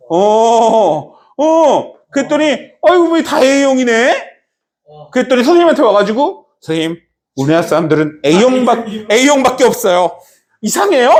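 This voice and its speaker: Animated high-voiced male math teacher. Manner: lively, acts out little scenes and keeps checking understanding. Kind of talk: classroom lecture.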